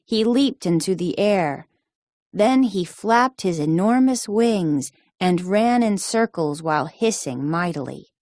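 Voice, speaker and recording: A woman narrating a children's storybook in a slow, deliberate storytelling manner. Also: on the low side, animated, darkish tone, no room sound, clean studio sound. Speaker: storybook reader.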